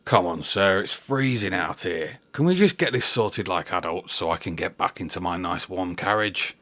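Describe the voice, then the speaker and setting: A man's voice: low-pitched, lively intonation, normal speed, pushed and bright. A man playing a weary, patient police officer in a comedy sketch.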